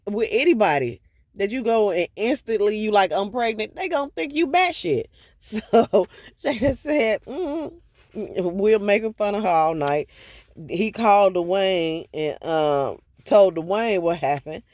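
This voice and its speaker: A man recaps a book chapter in a loose, chatty vlog style. His voice sits fairly high for a man and is recorded close and dry, with no room sound around it. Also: slow, darkish tone, no room sound. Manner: chatty, loose retelling with frequent laughs and asides. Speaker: book review vlogger.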